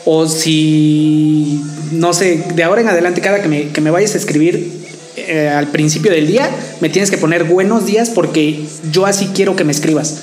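A man's voice: fairly high pitch, steady tone, moderate pace, a little mellow. A man in casual debate chat, co-hosting a podcast, hesitating and repeating words as he argues. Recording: roomy echo with faint music.

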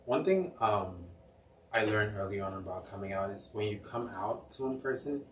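Low-voiced young man from Cameroon. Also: lively intonation, moderate pace. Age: young adult. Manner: chatty and jokey, many "um" and "like". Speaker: podcast guest. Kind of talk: casual interview chat. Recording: roomy, distant mic, faint noise.

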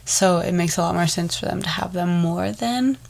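A woman's voice: fairly low pitch, normal speed, creaky, a little mellow. A young woman with a wheezy, congested voice, chatting casually as a solo podcast host and drifting into rambling asides. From Texas, United States. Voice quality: wheezy, stuffed-up voice.

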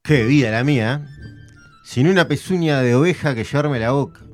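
A man's voice: mid-range voice, normal speed, darkish tone, soft background music, close to an everyday voice. A man voicing a hungry, self-pitying male wolf in a radio sketch, sighing as he complains. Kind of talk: radio drama reading.

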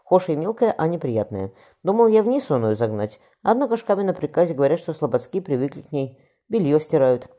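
A man voicing a stern, thoughtful older master architect who speaks gruffly and instructively. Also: on the high side, big pitch swings, fairly quick, warm tone, voice pushed up.

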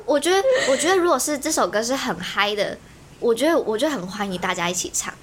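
A young woman rants with quick, bouncy speech, her high voice swooping up and down. She laughs often, and a faint hiss sits under the recording. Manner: animated, ranting, laughs often. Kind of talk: casual chat.

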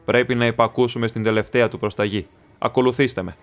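A man's voice: medium pitch, fairly even intonation, soft background music, lightly acted. A man reading an audiobook voices a steadfast warrior leader with urgent, rousing calls.

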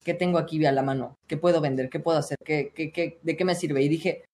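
A man's voice: fairly high pitch, steady tone, a little fast, darkish tone, slight background noise. A young Mexican man, a streamer and voice coach, talking earnestly in a casual podcast chat with many restarts. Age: young adult. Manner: earnest, advice-giving, frequent "o sea" restarts.

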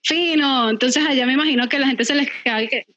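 High-voiced Venezuelan woman chatting. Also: fairly quick, bright, forceful tone, highs cut off. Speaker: podcast co-host. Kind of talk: casual chat over a call.

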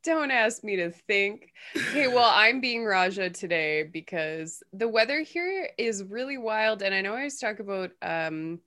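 A woman's voice: medium pitch, lively intonation, moderate pace, few pauses, pushed and bright. Blunt, emphatic woman co-host. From Alberta, Canada. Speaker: podcast co-host. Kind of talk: casual chat.

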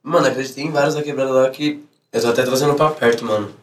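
A man's voice: mid-range voice, fairly even intonation, rapid-fire, far from the mic. A man with a São Paulo accent chatting casually as an interview guest, in heavy street slang, often acting out imagined reactions. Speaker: music artist, interview guest. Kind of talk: casual chat.

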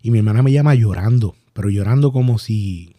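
Dark-voiced Puerto Rican man recounting. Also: fairly low pitch, no echo, clean studio sound. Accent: Puerto Rican Spanish. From Puerto Rico. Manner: halting, reflective, many restarts and fillers. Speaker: podcast host. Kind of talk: personal storytelling monologue.

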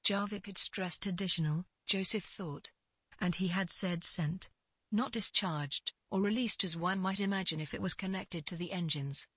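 This is scripted fiction narrated by a woman whose lowish, husky voice has a bright, forceful tone. Short clauses are separated by deliberate pauses, and the sound stays close and dry, with no echo or room.

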